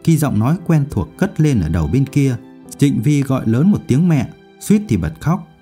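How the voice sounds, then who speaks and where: A man narrating a novel audiobook in an expressive, measured reading. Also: medium pitch, husky, soft background music.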